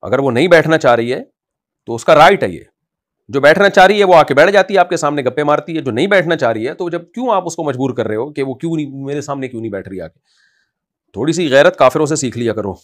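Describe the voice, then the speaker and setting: A man, an Islamic scholar, answering a question in an impassioned advice talk, emphatic and scolding at times. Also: lively intonation. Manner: emphatic, rises loud to scold, then drops low and quiet.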